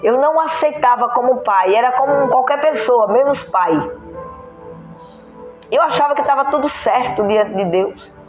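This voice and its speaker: A woman's voice: high voice, normal speed. A woman pastor gives an emotional testimony sermon. She tells her story earnestly, acts out the dialogue she remembers, and is audibly moved. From Brazil. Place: church. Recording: echoey, muffled church recording with music.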